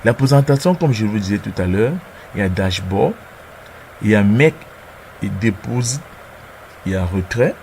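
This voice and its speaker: A man with a lowish voice talks through a screen-recorded tutorial step by step. He hesitates often and repeats words while he clicks along. A faint hiss sits under his voice. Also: lively intonation, normal speed, gravelly, pauses often, darkish tone. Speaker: trading tutorial presenter.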